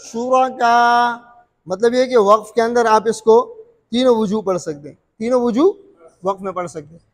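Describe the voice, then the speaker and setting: A man with a high voice talks fairly quickly, and the audio has a big-room sound. He's explaining Quran recitation rules to students, repeating terms, quizzing them and drawing out sung examples. He often uses the filler "what's it called."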